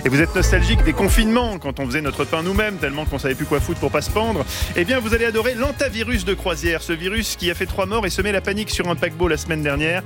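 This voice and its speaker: A man hosting a radio show, brisk and jokey, laughing easily as he links segments. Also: high voice, animated. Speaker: host. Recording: music bed underneath.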